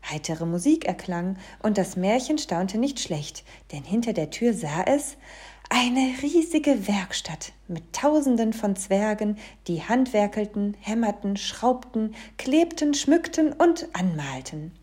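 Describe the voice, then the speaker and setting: Female storybook reader, expressive, warm and husky. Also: medium pitch, unhurried. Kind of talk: storybook reading aloud.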